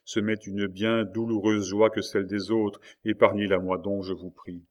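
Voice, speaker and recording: A man's voice: lowish voice, flat delivery, moderate pace, a little mellow, close to an everyday voice. Man reading as a sorrowful pleading prisoner. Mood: melancholy. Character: melancholy male prisoner, pleading, heartbroken. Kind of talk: audiobook reading.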